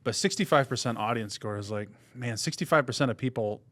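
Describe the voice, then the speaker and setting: A man co-hosts a relaxed podcast, telling stories with animated delivery. He acts out the people he quotes, swinging his voice up and down for each one. His talk is loose, casual chat. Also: mid-range voice, fast talker. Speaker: podcast co-host.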